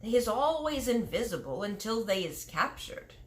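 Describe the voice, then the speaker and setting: A woman's voice: a little high, sing-song, normal speed, pitched above the performer's own voice. A woman voicing a big friendly male giant who talks in muddled grammar and invented words. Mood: earnest, explaining.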